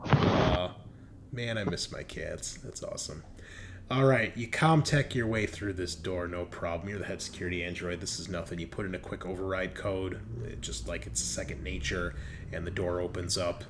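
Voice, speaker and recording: The game master here is a man whose voice sits low, with fairly even intonation and normal speed. He improvises the tabletop narration conversationally, using colloquial language and a bit of profanity, while background noise is clearly heard.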